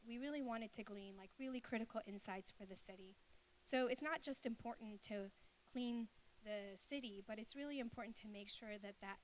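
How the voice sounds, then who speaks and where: A woman's voice: mid-range voice, rough recording. A woman giving an informal presentation, explaining things in a conversational, hesitant way. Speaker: conference speaker. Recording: hissy live talk recording.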